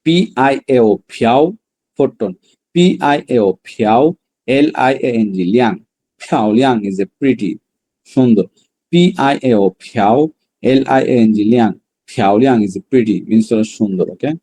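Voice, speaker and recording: A man teaching a Chinese vocabulary class, drilling words slowly and repeating them, then explaining in quick bursts. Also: medium pitch, mellow. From Bangladesh. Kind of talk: online class lesson.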